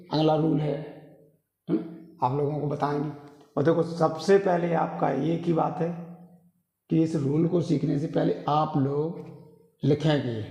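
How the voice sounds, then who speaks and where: A man's voice: fairly high pitch, warm tone. A man teaching a classroom-style pronunciation lesson, repeating himself and often checking in with tag questions. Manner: repetitive, drilling, frequent tag questions. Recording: roomy hall echo.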